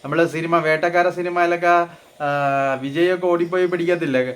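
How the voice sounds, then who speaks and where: A man whose first language is Malayalam teaches spoken Hindi in an easygoing way. He talks slowly, adds filler sounds, and repeats each word to explain it. His voice sits a little high. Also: fairly even intonation, clean tone. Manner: slows down and speaks louder for Hindi example lines. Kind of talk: casual spoken lesson.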